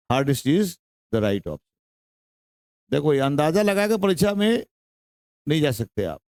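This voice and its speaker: A man's voice: fairly high pitch, a little mellow, no echo, studio quality. A young man with a Bihari Hindi accent teaching an English grammar lesson to a class, drawing out his words and repeating questions and answers.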